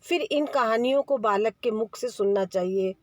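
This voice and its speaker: A middle-aged woman gives an earnest, explanatory lecture in a fairly high voice, now and then slipping into the words a parent might say. Her voice sits close and dry, with no room sound around it. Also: moderate pace, no echo. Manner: earnest, acts out parents' lines. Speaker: home science lecturer.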